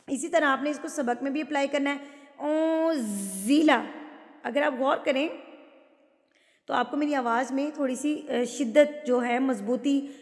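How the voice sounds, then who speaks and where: A woman's voice: high voice, in a large hall. A woman teaching Quran recitation. She explains pronunciation patiently, step by step, and mixes English words into her talk. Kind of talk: tajweed lesson, explaining pronunciation.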